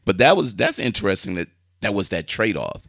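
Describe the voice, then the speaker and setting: A middle-aged man from the Bronx hosting a casual chat, expressive and quick to chime in. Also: on the low side, creaky, no room sound, studio quality. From the Bronx, New York. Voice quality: expressive, interjects often.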